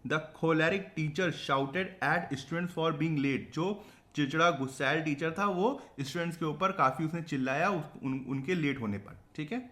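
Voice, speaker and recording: A young man teaching an exam-prep vocabulary lesson, explaining memory tricks, asking rhetorical questions and reading example sentences slowly. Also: on the high side, a bit bright.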